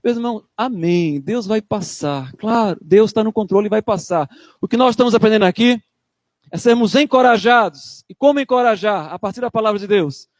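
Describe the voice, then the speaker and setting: A man preaches with a high, emphatic voice, pressing his points hard. He slips into the voices of church members as he quotes them. The sound is dry and close. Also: moderate pace, no room sound. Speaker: pastor. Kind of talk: sermon.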